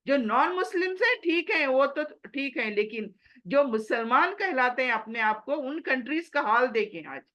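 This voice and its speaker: A woman's voice: sits high, lively intonation, moderate pace, pushed and bright. A woman giving a religious lesson in an earnest, exhorting manner, slipping English phrases into her talk. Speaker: Quran teacher.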